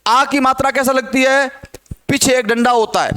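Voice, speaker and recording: A man's voice: very high voice, steady tone, moderate pace, sharp tone, clear, resonant tone. A man teaching a Hindi grammar lesson, who asks the class questions and answers them himself.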